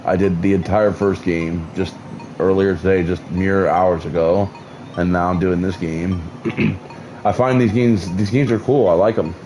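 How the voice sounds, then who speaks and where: A man streams a game and rambles through casual commentary, restarting often and swearing casually, his voice going and his mouth numb. His voice is low, dark and unhurried with fairly even intonation. Soft music plays behind a rough recording.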